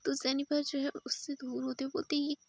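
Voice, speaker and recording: A woman telling a romance story in a hushed, often whispered, unhurried way, close to the mic. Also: high voice, little pitch movement, no echo.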